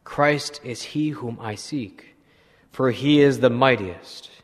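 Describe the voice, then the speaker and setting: Priest voicing a booming eager giant. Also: male voice, slow pace, in a large hall. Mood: proclaiming. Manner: loud, archaic declaring. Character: mighty male giant, bold and eager.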